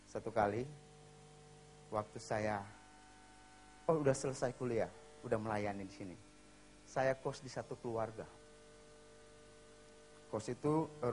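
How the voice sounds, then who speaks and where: A man's voice: mid-range voice, slight background noise. A man preaching in a church, telling a story in a casual way with dramatic acted voices. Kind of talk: storytelling sermon.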